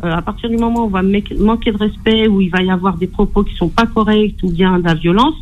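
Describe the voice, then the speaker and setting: A woman's voice: medium pitch, fast, soft background music. A woman calling in to a radio show, hesitantly retelling a family dispute with quoted dialogue. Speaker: caller. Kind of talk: call-in radio storytelling. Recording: tinny phone line.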